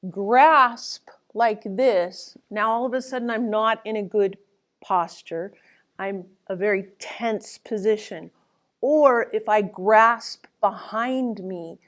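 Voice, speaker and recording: Female tai chi instructor, unhurried delivery, calm and gentle cueing, mid-range voice. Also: mid-range voice. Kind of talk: instructional movement lesson, spoken cues.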